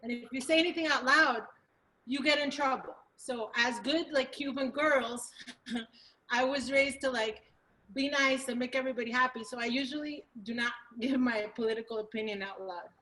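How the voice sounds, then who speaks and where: A woman chatting on a video call during an online cooking class, animated, dropping Spanish phrases in. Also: high-pitched, moderate pace, slight background noise, poor audio. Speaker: class participant and panelist. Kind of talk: casual chat.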